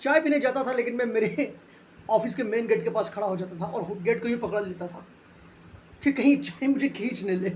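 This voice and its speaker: A man's voice: sits high, normal speed, darkish tone, a little hiss or hum. A man hosting a personal finance video, telling a personal story in a chatty, motivational way and mixing English phrases into his talk. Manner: addresses viewers as friends.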